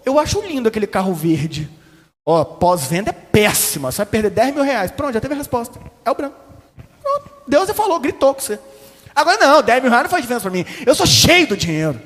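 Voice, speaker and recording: A man's voice: extremely high pitch, big pitch swings, brisk, a bit bright. A man with a Brazilian Portuguese accent preaching a sermon as pastor, sarcastic and joking, with a lot of slang. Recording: echoey hall.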